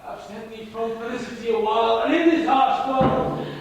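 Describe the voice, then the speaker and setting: A man's voice: extremely high pitch, normal speed. In a distant, very echoey hall, a young man acts an anguished dying prince. The delivery is urgent Shakespearean stage acting. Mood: pained, pleading. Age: young adult. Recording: echoey hall, distant mic, faint noise.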